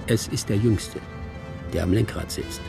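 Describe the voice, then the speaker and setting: A man with a lowish, gravelly voice speaks a little slowly as a detached narrator reading a film screenplay for a radio drama. His short, observational present-tense sentences feel detached and suspenseful, with music playing beneath.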